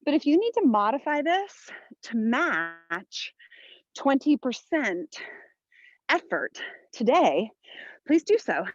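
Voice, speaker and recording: A woman with a fairly high voice instructs a home workout. She coaches in motivational, short commands and counts, speaking through physical effort. The sound is very dry and a little dull. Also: sing-song, slow pace, pauses often, no echo. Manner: exerting while talking, audible breaths and sighs. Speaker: fitness instructor, workout host.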